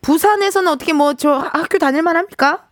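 A woman's voice: extremely high pitch, brisk, no room sound, clean studio sound. A woman hosting a radio show, chatting playfully with a caller and laughing often. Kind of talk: casual radio chat with a caller.

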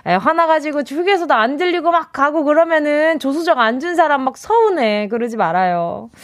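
A woman's voice: high voice, animated, moderate pace, dry recording, clean studio sound. A woman of thirty hosting a radio show, reading listener messages and chatting playfully with a caller. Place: radio studio. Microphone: close studio mic.

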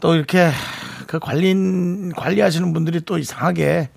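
A man's voice: a little high, steady tone, moderate pace, gravelly, darkish tone, breathy edge, dry recording. A man co-hosting a radio show, chatting casually and acting out short quoted lines. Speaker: radio co-host. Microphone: studio microphone.

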